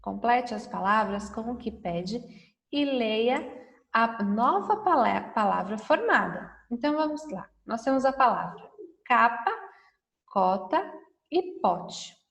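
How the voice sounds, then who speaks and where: Woman teacher going slow for first graders, kinda high voice, sounds far from the mic in an echoey room. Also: expressive, vocal fry. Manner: slow and patient, stretching out words; often checks understanding with "tudo bem?". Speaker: primary school teacher. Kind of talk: slow, patient lesson correction for first graders.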